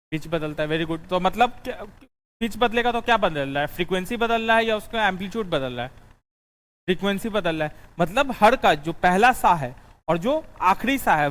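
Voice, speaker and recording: A man's voice: high-pitched, a bit bright, long reverb tail. A male teacher giving a lecture and dictating notes. He asks the class questions and answers them himself. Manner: sings out the notes of the scale.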